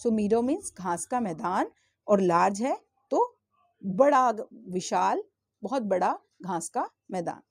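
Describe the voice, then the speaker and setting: Slow, patient woman teaching English. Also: medium pitch, very animated, husky, no room sound, clean studio sound. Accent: Indian English. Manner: slow, patient, spells words letter by letter and asks questions; often checks in with "theek hai?". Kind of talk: spoken English lesson for children in Hindi.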